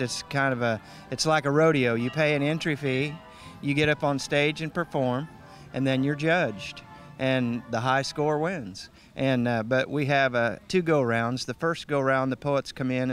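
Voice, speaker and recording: A man with a folksy, easygoing manner, speaking casually as an interview guest who organizes and emcees events. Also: medium pitch.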